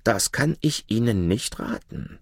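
A man's voice: on the low side, lively intonation, measured pace, vocal fry, no echo, studio quality, pitched below the performer's own voice, full character voice. A man voicing a proud old-tale king who speaks emphatically and gets indignant, in a storybook reading. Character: grateful proud male king, quick to anger.

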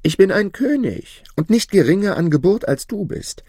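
Man doing ardent young king, storybook, raised earnest voice, lively, dry recording. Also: high-pitched, moderate pace, slightly rough, dry recording, voice pushed up, full character voice. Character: young king, passionate and lovestruck.

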